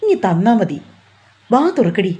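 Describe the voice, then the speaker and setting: A woman's voice: medium pitch, very animated, unhurried, dark tone, highs cut off. Woman reading a teasing, bossy young fiancé. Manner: teasing, coaxing, commanding.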